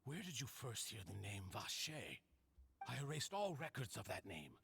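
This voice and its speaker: An actor playing a desperate convict in an anime game, pleading earnestly and stammering with urgency. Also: male voice, mid-range voice, big pitch swings, moderate pace, gravelly, fairly bright tone, slight background noise. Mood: urgent.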